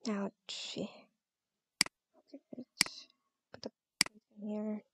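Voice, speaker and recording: Giggly young woman with a gravelly edge. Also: mid-range voice, steady tone, slow pace, very noisy. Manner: stammering, giggly, flustered. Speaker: role-play channel host. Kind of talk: Minecraft role-play.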